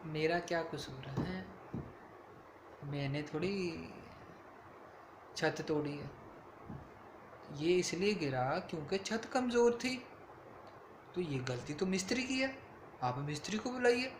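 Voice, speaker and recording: A man's voice: a little high, animated, slow, pauses often, roomy sound, background noise. A man voicing a poor male villager who pleads with the king in a bedtime story. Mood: pleading. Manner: pleading, protesting.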